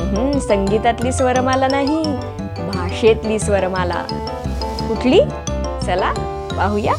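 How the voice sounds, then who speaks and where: A woman teaching a children's language lesson, speaking slowly and clearly and patiently reciting each sound. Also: a little high. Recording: light background music. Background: light music.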